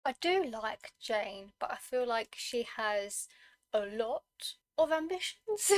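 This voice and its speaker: Brief: young woman, reaction-video host, light and high, giggly and excitable. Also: slow, dry recording. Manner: chatty, excitable, giggly asides to the viewer. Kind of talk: casual reaction commentary.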